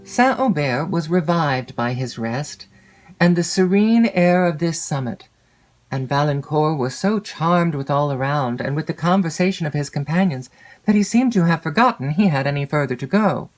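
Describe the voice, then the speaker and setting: A woman with a deep voice narrates a classic literary novel for an audiobook. She reads in a measured, expressive way, lingering over the descriptive phrases.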